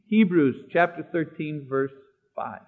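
A man preaching a sermon, slowing down to stress key words and citing scripture by chapter and verse. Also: fairly high pitch, lively intonation. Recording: dull lo-fi recording.

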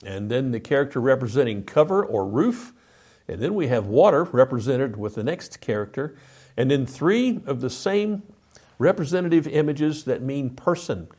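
A man of mid pitch leads a Bible study lesson. He explains each slide step by step and lifts his voice to read the scripture passages aloud. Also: very animated, moderate pace, a little mellow. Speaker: Bible teacher.

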